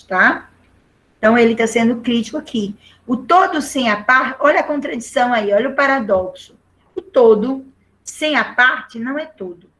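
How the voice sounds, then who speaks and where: A middle-aged Brazilian woman teaching a literature lesson, explaining patiently and often checking in with the class. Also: a little high. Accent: Brazilian Portuguese.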